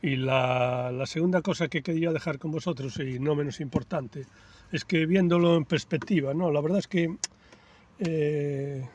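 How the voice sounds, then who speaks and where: A man, giving a personal testimony in church in a conversational, storytelling way that turns soft and reflective. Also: on the high side, moderate pace, highs cut off, slight background noise. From Galicia, Spain. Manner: conversational storytelling with frequent tag questions; grows softer and reflective.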